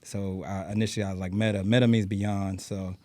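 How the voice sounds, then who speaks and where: A man, a musician guest, explaining things in a calm, low-key way. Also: brisk, no echo. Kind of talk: casual interview chat.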